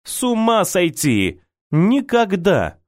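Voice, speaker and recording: A man's voice: wildly swooping pitch, takes it slowly, no room sound, studio quality, exaggerated voice. A man voicing a dramatic, self-pitying older society mother who shrieks and wails theatrically in an audiobook. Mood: shrill. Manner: shrill, theatrical wailing.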